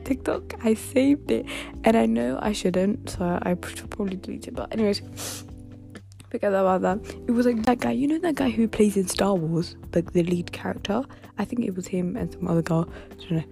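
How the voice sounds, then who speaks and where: A woman's voice: medium pitch, a little fast, vocal fry, mellow, faint music behind. A woman in her late teens, chatting casually and rambling, giggly and talking to herself on her home podcast. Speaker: podcast host. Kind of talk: casual solo podcast chat.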